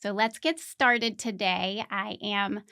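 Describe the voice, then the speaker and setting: Bright-voiced woman hosting a podcast. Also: medium pitch, slow, smooth, dry recording, studio quality. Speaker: podcast host. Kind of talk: conversational interviewing.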